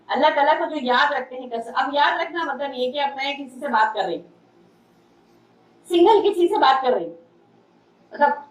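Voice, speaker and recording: A woman religious teacher giving a conversational sermon-style lecture, repeating key phrases for emphasis. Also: sits high. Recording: echoey room, distant mic.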